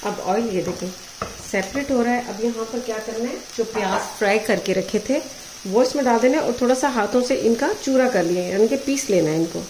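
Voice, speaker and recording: A woman, hosting a cooking show, calmly talking through a recipe step by step. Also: a little high, brisk, a little hiss or hum, rough recording. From Pakistan. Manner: calm, methodical, checks in with "ठीक है". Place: home kitchen. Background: frying and stirring sounds.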